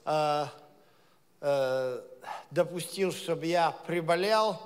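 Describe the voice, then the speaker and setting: This man's voice is a little high, clear and resonant. As head of a Messianic congregation, he preaches informally to his flock, talking conversationally, hesitating a lot and rising to emphatic points, all echoing with the long reverb of a big hall.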